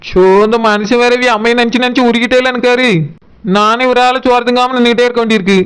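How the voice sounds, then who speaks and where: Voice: mid-range voice, level tone, fast, a bit bright, smooth, close to an everyday voice. A voice actor playing a hungry, grumbling village woman with a Tirunelveli Tamil accent, complaining about the food going cold. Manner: grumbling, comic. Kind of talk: cartoon voice acting.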